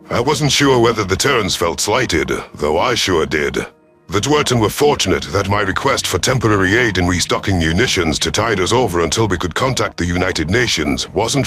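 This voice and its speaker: Over music, a man narrates a sci-fi story in the role of a stern, calculating alien commander, formal and deliberate. His voice is low with a fairly bright tone.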